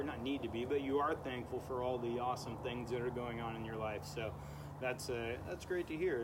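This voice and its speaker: Talkative male podcast host, noisy backyard recording. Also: medium pitch. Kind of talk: casual podcast chat. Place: outdoors in a backyard at night. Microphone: studio microphone on a stand.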